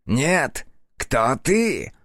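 A rude, mocking tengu demon with a crow's beak speaks in a strangled, croaking voice, as a male audiobook narrator puts it on. Every word comes slow and drawn out, the pitch leaps up and down with scorn, and the recording is close and dry. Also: big pitch swings, a bit bright, dry recording, heavily acted. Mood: sneering. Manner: insulting, sneering, drawn-out words. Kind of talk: audiobook character voice.

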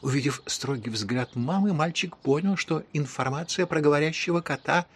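A man narrating a children's story in a measured, expressive reading voice. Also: on the high side, slight background noise. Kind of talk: audiobook storytelling.

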